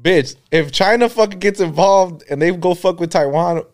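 A man's voice: high-pitched, moderate pace. A man in a casual group chat, talking in loose slang and swearing freely.

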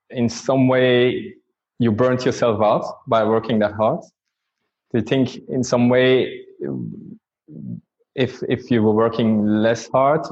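A man's voice: mid-range voice, darkish tone. A man hosting a podcast, asking questions hesitantly and repeating words as he frames them. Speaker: podcast host. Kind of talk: interview questions. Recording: dull, lo-fi line.

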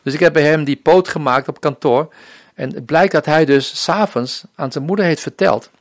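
A man's voice: fairly high pitch, moderate pace, no room sound, studio quality. Earnest Dutch man recounting his faith story. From Netherlands. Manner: earnest storytelling, often acting out remembered dialogue. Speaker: missionary guest. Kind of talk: personal faith testimony in an interview.

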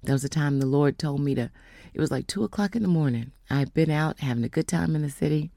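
A woman telling a faith testimony in a casual storytelling way, slowing down and dropping to whispers for emphasis. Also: sits low, vocal fry, mellow, no echo, studio quality. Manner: storytelling, acts out quoted voices; slows down for emphasis, drops to whispers. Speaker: speaker giving a testimony.

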